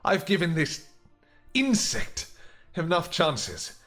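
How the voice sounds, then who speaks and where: A man's voice: on the high side, wildly swooping pitch, takes it slowly, a bit bright, soft background music, pitched above the performer's own voice, exaggerated voice. A man voicing a lovesick, possessive and menacing vampire king in a romantic fantasy audio roleplay, intense and dramatic. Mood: furious, desperate. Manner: intense, dramatic, swinging from snarls to whispers.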